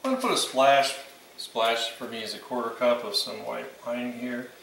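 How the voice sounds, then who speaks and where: A man's voice: mid-range voice, fairly even intonation, moderate pace, vocal fry, a bit bright. A man in his sixties casually hosting a home cooking demonstration, talking informally as he works in his kitchen. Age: 60s. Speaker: home cooking channel host. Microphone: camera a few meters away. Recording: roomy echo, distant mic, faint kitchen noise.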